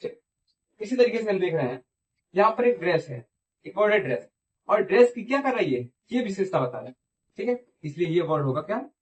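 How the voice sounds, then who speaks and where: A man's voice: high voice, big pitch swings, fairly quick. A man teaching English grammar in Hindi. He asks questions, answers them himself, and checks in often. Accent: Indian. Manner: repeats phrases and checks in with "theek hai". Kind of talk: classroom lecture.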